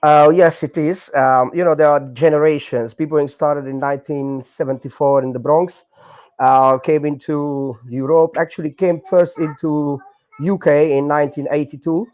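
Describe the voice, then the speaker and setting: A man in his forties from Hungary with a Hungarian accent, telling his story in a casual interview with many fillers and halting non-native grammar. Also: a little high, fairly even intonation, darkish tone, dry recording. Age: 40s. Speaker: guest, breakdancer.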